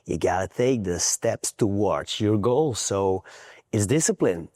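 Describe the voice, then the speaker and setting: Low-voiced man. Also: lively intonation, unhurried, darkish tone, no echo, studio quality. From Belgium. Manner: earnest, plain-spoken, with frequent restarts. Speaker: guest coach. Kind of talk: reflective interview answers.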